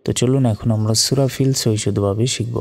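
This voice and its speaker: A man with a low, mellow voice teaching Quran recitation. He spells out each syllable slowly and chants the verses in a steady, even tone. The recording carries a long, echoey reverb. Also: gravelly. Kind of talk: step-by-step recitation lesson.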